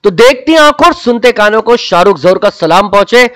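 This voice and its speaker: A young man teaching a software tutorial in a casual, chatty way, often saying "okay" and a polite "sir" as fillers. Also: high voice, lively intonation, brisk, a little hiss or hum. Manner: chatty, repeats "ठीक है" and "जनाब" often. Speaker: Photoshop instructor. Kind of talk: casual tutorial with screen walkthrough.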